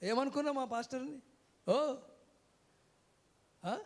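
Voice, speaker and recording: Very high-pitched and taking it slowly, a man preaches as a guest from a church stage. He keeps calling "hello" out to the crowd, and in this call-and-response sermon the congregation repeats his words.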